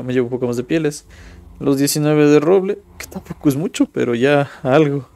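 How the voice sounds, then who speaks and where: Playing a mobile game on stream, a young man from Ecuador chats casually with viewers and reads their chat out loud as he comments. He speaks in a warm, mid-range voice with some vocal fry.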